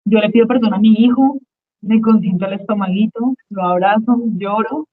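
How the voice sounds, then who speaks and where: A woman tells her personal faith testimony as a guest, earnest and emotional, often repeating a phrase to make it land. Her voice sits at a medium pitch. The sound is narrow and tinny, as if carried over a phone line. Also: moderate pace. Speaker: guest giving a religious testimony.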